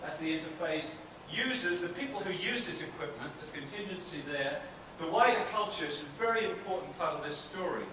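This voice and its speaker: A middle-aged British man with a British accent gives a chatty public lecture to students in a large theatre hall, asking questions of the audience and adding self-deprecating remarks. His voice is on the high side and expressive, fairly quick with hardly any pauses. The audio is very echoey, distant and noisy.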